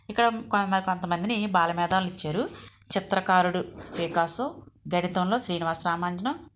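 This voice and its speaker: A woman with a fairly low voice teaches an exam-prep lesson. She reads through word lists and notes at an unhurried pace, adding short plain explanations along the way. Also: a bit bright.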